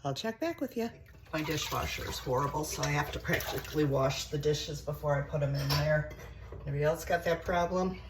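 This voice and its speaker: Middle-aged woman with a low voice, rambling casual home vlog, lots of ums. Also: fairly quick, background noise. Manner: rambling and candid, with many fillers. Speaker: vlogger.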